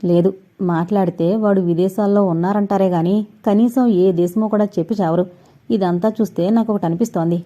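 A woman's voice: medium pitch, fairly even intonation, a little fast, warm tone, lightly acted. A woman voicing a determined young heiress in love, speaking earnestly in a dull lo-fi recording. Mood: calm.

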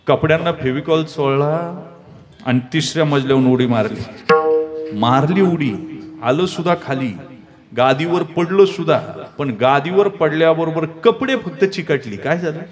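A man preaching a kirtan sermon, telling stories and putting rhetorical questions to the audience. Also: a little high. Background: pakhawaj drum and devotional music.

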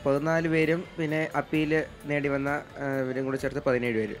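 A man's voice: medium pitch, steady tone, normal speed, soft background music. A teenage boy from Kerala answering an interviewer's questions, hesitant, with many fillers and restarts, his voice a bit blocked. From Kerala, India. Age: teens. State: voice feels blocked. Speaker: interview guest, mimicry artist.

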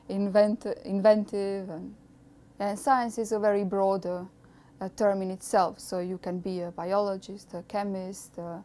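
A woman in her thirties from Croatia with a Croatian accent, a postdoctoral researcher speaking in a measured, thoughtful way with frequent hesitations, recorded on a lapel mic in a small lab office. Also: mid-range voice, mellow, a little hiss or hum. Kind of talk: documentary interview.

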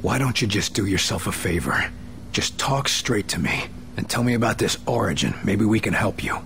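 An actor playing a stern, hard-bitten field agent in a video game, terse and commanding. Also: male voice, lowish voice, lively intonation, normal speed, a bit bright, slight background noise. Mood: pressing, intense. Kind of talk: video game cutscene acting.

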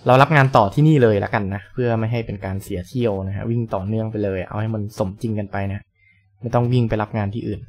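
A young man casually commenting on a truck driving game, chatty and polite, thinking aloud as he plays, with game engine noise behind him. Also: on the low side. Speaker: gaming channel host.

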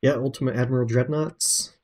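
A man's voice: mid-range voice, steady tone, fairly quick, darkish tone. An American man chatting casually as a co-op guest player, laid-back, with brief dry replies. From United States. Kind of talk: casual co-op gameplay chat.

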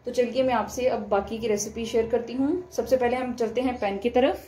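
A fairly high-voiced woman walks her viewers through a home recipe at the stove, calm and unhurried as she explains each step. Oil sizzles and a spatula scrapes the wok clearly under her voice, picked up by a camera close to the pan. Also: slight background noise. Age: adult, mother of a young son. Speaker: cooking vlogger. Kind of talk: home cooking demonstration. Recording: frying sizzle behind the voice. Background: frying and stirring in a wok.

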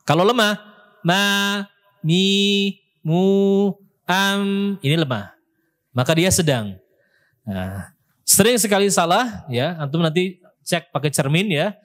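A man's voice: a little high, sing-song, normal speed, pauses often. A male Quran teacher giving a tajweed lesson, patiently repeating syllables to show the correct pronunciation and often ending phrases with "ya". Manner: ends phrases with a questioning "ya". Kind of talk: tajweed lesson with spoken demonstrations.

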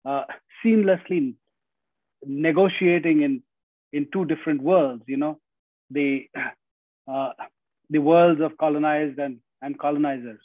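A middle-aged man with an Indian accent, a guest speaker, gives an earnest lecture from home over a video call using earbuds. His voice is on the high side with a steady tone, unhurried and marked by long pauses, with "you know" coming up often and phrases restarted. No echo is present, and the call audio sounds dry and tinny.

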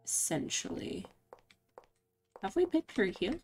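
A tired woman giving casual, halting commentary while playing a game, with many pauses and fillers. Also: medium pitch, very animated, darkish tone, faint music behind. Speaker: gameplay commentator. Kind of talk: casual let's play commentary.

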